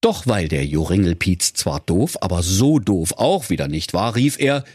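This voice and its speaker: A man tells a silly fairy tale with playful, animated storytelling. His lowish voice is slightly husky, recorded dry and close. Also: normal speed, dry recording. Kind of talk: comic fairy-tale narration.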